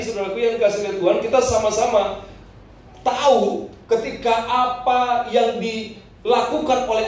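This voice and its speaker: A man preaches to a congregation in a big echoing hall, heard from some way off the mic. His voice sits high and swings lively up and down as he tells his story and chuckles between lines, with a faint room hum behind. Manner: storytelling, addresses the congregation, laughs between phrases. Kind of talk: sermon with personal testimony. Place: church hall. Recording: echoey hall, voice from a distance.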